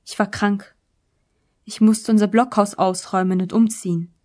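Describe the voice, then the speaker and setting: A woman reading out the letter of a gentle, grieving woman in an audiobook, soft and plain. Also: mid-range voice, steady tone, normal speed, close to an everyday voice. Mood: sad.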